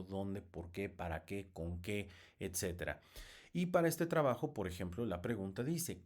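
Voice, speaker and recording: A man's voice: lowish voice, a little mellow. A man teaching research methods in a recorded lecture, explaining step by step with frequent fillers and restarts.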